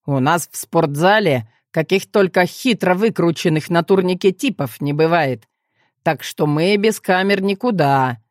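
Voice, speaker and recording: A woman voicing a blunt, cheerful young male athlete who teases in a deadpan, rough way. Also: fairly low pitch, a little slow, dry recording, studio quality, lightly acted. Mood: teasing.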